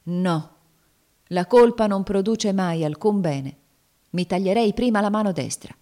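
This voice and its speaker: Woman reading a gentle faithful old man, earnest, pleading softly. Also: mid-range voice, a little slow, pitched above the performer's own voice, lightly acted. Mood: firm, imploring. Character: devout gentle older man, steadfast.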